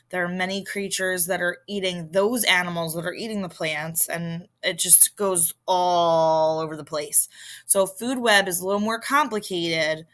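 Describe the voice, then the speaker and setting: A woman from the Philadelphia area of the United States, with a matching accent, teaches an informal recorded vocabulary lesson. Her voice sits on the low side with a fairly bright tone, and she explains things conversationally, addressing students directly.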